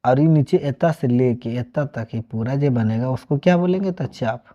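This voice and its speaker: A man's voice: medium pitch, normal speed. A man from Bihar with a Bihari accent, teaching a math lesson online. He asks questions and answers them himself, mixing Hindi with regional dialect. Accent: Bihari, Magahi-tinged Hindi. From Bihar, India. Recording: dull lo-fi sound.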